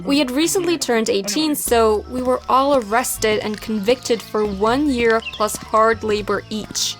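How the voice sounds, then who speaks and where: A young woman tells an animated story in a lively, scripted narration. Her voice sits a little high, with soft music under it. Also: unhurried.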